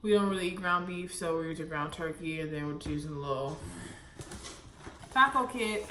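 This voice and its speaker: A woman's voice: low-pitched, brisk, pushed and bright. A young woman talks to her camera in a loose, rambling vlog chat, stopping often for fillers. She sounds a little out of breath. There is a faint noise in the background. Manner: rambling, chatty, lots of fillers. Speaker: vlogger. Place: parked car; home kitchen.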